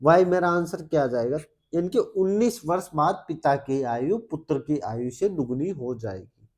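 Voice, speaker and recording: A man's voice: a little high, expressive, normal speed. A Hindi-speaking man with an Indian accent, teaching exam maths step by step. He keeps asking his students questions and mutters his working half to himself. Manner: coaxing, asks the students questions as he works; loud, then muttering calculations under his breath. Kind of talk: solving maths problems step by step.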